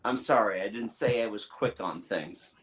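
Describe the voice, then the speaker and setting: A man's voice: on the low side, normal speed. A middle-aged man with a Southern American inflection hosting a casual podcast, rambling and self-deprecating with chuckles between points. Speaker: podcast host.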